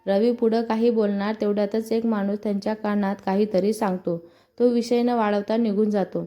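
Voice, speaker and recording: A woman with a Marathi accent reading a scripted story aloud, voicing all the characters' lines in her own even narrating voice. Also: mid-range voice, normal speed. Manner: reads all parts in one even narrating voice.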